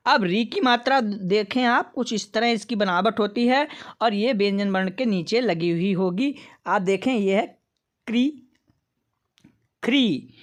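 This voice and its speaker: A woman's voice: medium pitch, moderate pace. A woman teaching a beginner reading lesson, patiently sounding out syllables one by one and calling the viewers friends.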